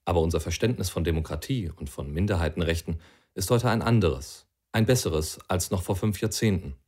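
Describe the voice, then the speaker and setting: Low deep voiced guy reading out an essay, earnest, kind of pushing his point. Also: a little fast, a little mellow. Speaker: audiobook reader. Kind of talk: reading an essay-like passage aloud.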